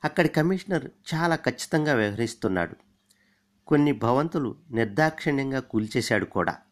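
A man's voice: medium pitch, animated, brisk, close to an everyday voice. A man doing a bossy, demanding old friend. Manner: commanding, brusque.

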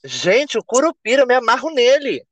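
A woman's voice: a little high, very animated, moderate pace, no echo. A woman co-hosting a casual chat, reacting playfully with exclamations. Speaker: podcast co-host.

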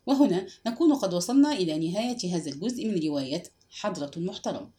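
Woman audiobook narrator, expressive, animated pitch. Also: quick pace. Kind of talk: scripted novel narration.

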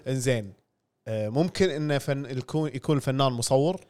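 A man's voice: medium pitch, fast, darkish tone. A man co-hosting a casual podcast chat, laid-back and joking, with hesitant fillers. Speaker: podcast co-host.

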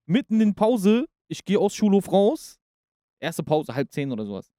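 A young man telling a school story on a podcast in an animated, punchy way. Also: sits high, normal speed, dry recording, studio quality. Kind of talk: casual chat, storytelling.

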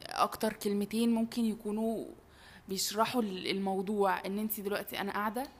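A woman's voice: medium pitch, little pitch movement, quick pace. A young woman with an Egyptian Arabic accent, chatting casually and reflectively. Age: young adult. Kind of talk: casual reflective group chat.

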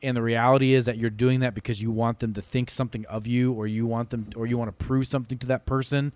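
A man from Ohio joins a casual faith podcast, working out his thoughts aloud in stop-start phrases. His voice is mid-pitched and recorded close and dry. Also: level tone, darkish tone, no room sound. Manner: halting, many fillers and restarts. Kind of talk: casual ministry discussion.

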